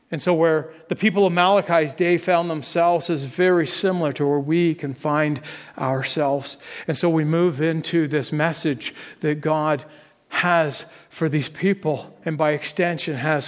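A man's voice: a little high, long reverb tail. A man preaching a sermon as a pastor, earnest and conversational, building up to emphatic peaks on key phrases.

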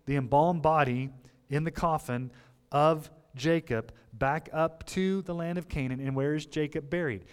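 A male pastor preaching an expository sermon, shifting between loud emphatic points and quiet asides and asking the congregation rhetorical questions. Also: a little high, clean tone. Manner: conversational, explaining scripture with rhetorical questions.

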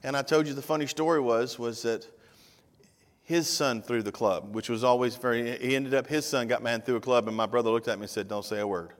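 Fifty-something pastor preaching in reverberant hall. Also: male voice, medium pitch, fairly even intonation, fairly quick. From Tennessee. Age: 50s. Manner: conversational preaching, direct asides to the congregation. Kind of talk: sermon. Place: church sanctuary. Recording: long reverb of a church hall.

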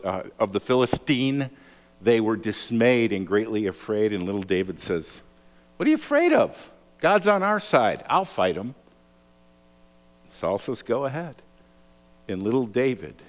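Slow-speaking preacher in a reverberant hall. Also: male voice. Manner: animated storytelling, acts out quotes with raised pitch. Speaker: pastor. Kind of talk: sermon.

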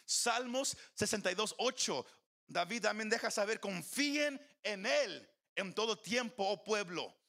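A man's voice: sits high, animated, a little slow, bright, forceful tone. A male pastor preaching a sermon in an earnest manner, often repeating words and slipping into English phrases. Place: church.

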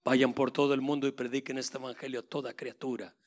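A man preaching a sermon with passion, swinging between loud proclaiming and hushed, intimate asides. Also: mid-range voice, level tone, fast talker.

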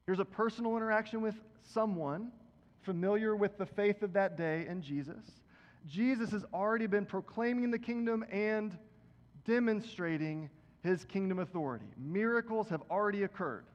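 A man's voice: sits high, moderate pace. Man preaching in an echoing hall. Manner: conversational preaching, reading scripture aloud with emphasis. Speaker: pastor. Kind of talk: sermon. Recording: dull, reverberant hall.

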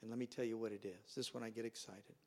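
A man's voice: on the low side, steady tone, fast, darkish tone. A man preaching a sermon as pastor in a church, telling stories and acting out the people in them. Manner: storytelling, acts out quoted voices. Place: church sanctuary.

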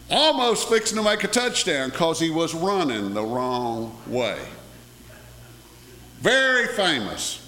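Folksy preacher in an echoey church. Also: male voice, a little high, a bit bright. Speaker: pastor. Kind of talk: sermon. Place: church sanctuary. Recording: echoey hall with long reverb.

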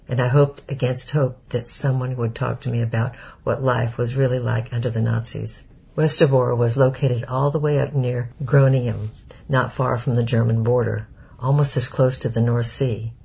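A man narrates a story in a low, gravelly voice with a heavy husky grain. His tone is dark and mellow, and his reading stays steady and measured. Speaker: audiobook narrator. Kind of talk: scripted first-person narration.

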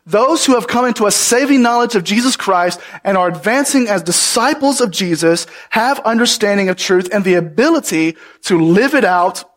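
A man preaching a sermon as pastor, earnest and emphatic, putting rhetorical questions to his congregation. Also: high-pitched.

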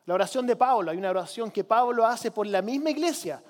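A man's voice: high-pitched, lively intonation, fast talker, long reverb tail. A man preaching a sermon as pastor, urging his congregation to repeat lines with him. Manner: preaching with call-and-response to the congregation. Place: church.

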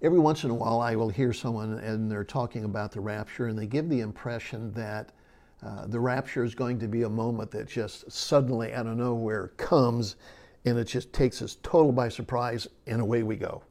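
A man teaching a sermon on a Bible passage, earnest and explanatory, slowing down to stress key words. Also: mid-range voice, steady tone, darkish tone.

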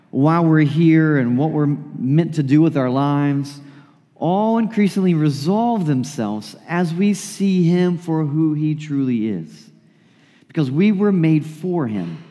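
A tired male pastor preaching in a church with a long, ringing reverb. His voice is mellow and darker in tone, and he talks casually, with fillers and restarts, like a friendly chat from the pulpit. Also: on the high side, lively intonation, takes it slowly. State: tired, yawning. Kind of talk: sermon.

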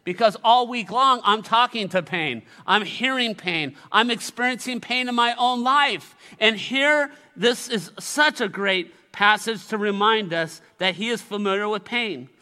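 A man's voice: sits high, a little slow, hardly any pauses, sharp tone, smooth. A man preaching a church sermon as a pastor, emphatic, repeating key phrases and prompting his listeners. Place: large reverberant room, preaching to a congregation. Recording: reverberant hall sound.

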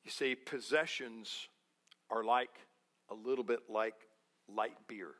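A man's voice: mid-range voice, slow pace, a bit bright. Folksy guy preaching a sermon, corny jokes, repeats stuff, takes his time. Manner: folksy, jokey, emphatic repetition. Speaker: pastor.

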